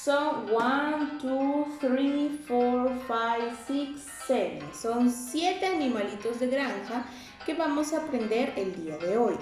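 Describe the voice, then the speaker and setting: A young woman teaches small children in a slow, patient sing-song, speaking. Her voice sits fairly high, and the home recording sounds roomy. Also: faint music behind. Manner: repeats each word slowly and asks the children to say it back; warm and encouraging. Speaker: preschool English teacher.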